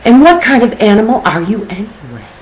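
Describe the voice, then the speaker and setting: Older woman doing a bossy mocking parrot from a kids book, blunt n scolding, pitched up, loud. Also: very animated, fairly quick, a little hiss or hum, poor audio. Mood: indignant.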